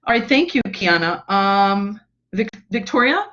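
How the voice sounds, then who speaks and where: A woman's voice: mid-range voice, sing-song, unhurried, a bit bright. A woman teaching a college nutrition class online, talking in a loose conversational way with lots of fillers. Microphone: video call mic. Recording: muffled lo-fi video call audio.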